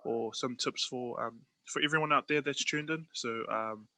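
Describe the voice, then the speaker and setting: A man hosting a casual podcast, speaking appreciatively in halting phrases. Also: medium pitch, sharp tone, dry recording. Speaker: podcast host.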